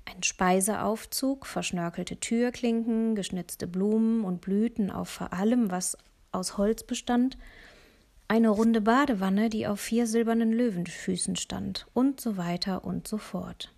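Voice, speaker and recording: A woman narrates a children's audiobook in the first person, lively and with soft, breathy asides. Her voice is medium-pitched and her delivery unhurried.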